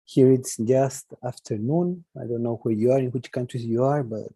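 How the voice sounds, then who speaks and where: A Chilean man in his forties speaks in an informal, conversational talk, with a Chilean accent from his native Spanish. His voice is very dark and relaxed, with a husky grain. He often ends phrases on a questioning tag, and the sound is dry and close. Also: mid-range voice, normal speed, no echo. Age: 40s. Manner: tags sentences with a questioning "no?". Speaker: guest speaker.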